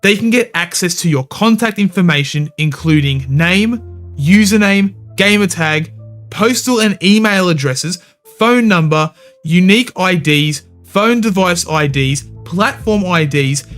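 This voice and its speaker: A man's voice: sits high, expressive, a little slow, fairly bright tone, faint music behind. A man hosting a gaming commentary channel, talking bluntly with opinions and casual swearing. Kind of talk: scripted video commentary.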